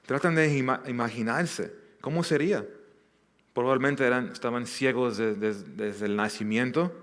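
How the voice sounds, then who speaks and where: A man's voice: mid-range voice, moderate pace, fairly bright tone. A man pastor teaching a Bible passage verse by verse, earnest, often restarting and repeating words. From Southern California. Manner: earnest, with many restarts and repeated words, acting out quoted lines.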